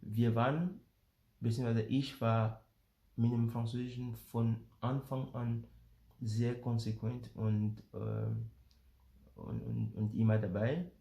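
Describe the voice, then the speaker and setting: This Beninese father talks to camera about his family's experiences at a slow, halting pace, leaning on fillers and repeating himself as he restarts. His voice is medium-pitched, gravelly, and mellow with a level tone, and the room gives the recording a clear echo.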